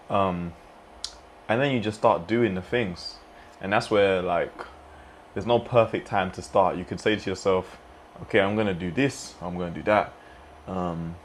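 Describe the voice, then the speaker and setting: A man's voice: low-pitched, a little hiss or hum. A man chatting casually in a vlog, laid-back and rambling, often tossing in "man" and "you know". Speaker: fitness vlogger and streamer. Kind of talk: casual mukbang vlog chat.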